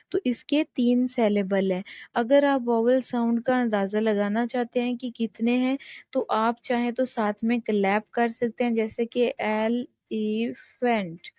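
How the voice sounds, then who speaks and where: A woman's voice: on the high side, mellow, no echo. A woman teaching an English lesson, patient and repetitive, mixing Hindi and English. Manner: slow, patient, repeats points with "theek hai". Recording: dull lo-fi.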